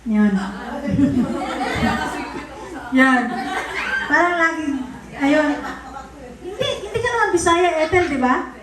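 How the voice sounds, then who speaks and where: A woman pastor from the Visayas preaches in a high, unhurried voice, talking with her congregation and teasing them. She is heard in a large church hall full of echo. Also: lively intonation, a crowd in the background. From Visayas, Philippines. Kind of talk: conversational sermon.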